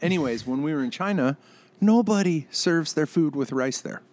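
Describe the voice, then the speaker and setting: A man's voice: on the high side, expressive, normal speed, darkish tone. A man, a restaurant co-owner and chef, chatting casually on a podcast and telling wry stories with acted-out quotes. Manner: wry storyteller, acts out quotes.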